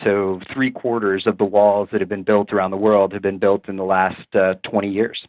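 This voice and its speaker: A middle-aged man from Virginia, a professor giving measured, explanatory interview answers with frequent ums. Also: fairly low pitch, level tone, no room sound. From Virginia, USA. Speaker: guest professor. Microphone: remote call line. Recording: tinny dry phone line.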